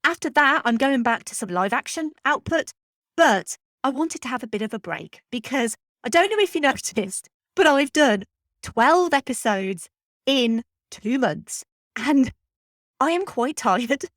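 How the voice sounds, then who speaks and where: A woman's voice: sits high, lively intonation, a little slow, fairly bright tone, no room sound, clean studio sound. A woman hosting her own podcast, chatting casually and upbeat with listeners and laughing easily. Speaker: podcast host.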